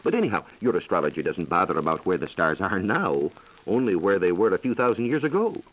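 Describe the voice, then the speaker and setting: Heard on an old broadcast recording with dull audio, a low-voiced man reports on science for a 1940s radio program, answering listener questions from a script. His pitch moves in big swings and he talks fast. His tone is formal, precise and authoritative.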